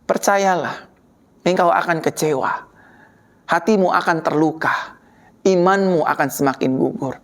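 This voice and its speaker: A woman's voice: on the low side, unhurried, long pauses. Dramatic woman pastor preaching. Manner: dramatic, swings between loud and quiet. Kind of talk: sermon.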